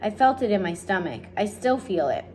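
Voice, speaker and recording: A woman's voice: mid-range voice, very animated, fairly quick, darkish tone, a little hiss or hum, lightly acted. A woman voicing a gloomy, fretful male earthworm in a storybook reading. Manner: gloomy and dramatic.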